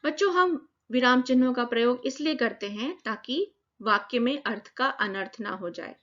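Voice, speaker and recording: Lady teacher explaining grammar to little kids step by step, higher voice, muffled lo-fi audio. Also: normal speed, fairly bright tone. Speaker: primary school teacher. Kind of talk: children's grammar lesson. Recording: dull lo-fi recording.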